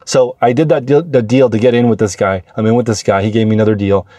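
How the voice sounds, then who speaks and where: Talking fast in a steady, dark, low-sitting voice, this fortyish American reseller vlogger chats conversationally to camera from a parked car, peppering his explanations with anecdotes. The lapel mic on his shirt yields audio with no room sound.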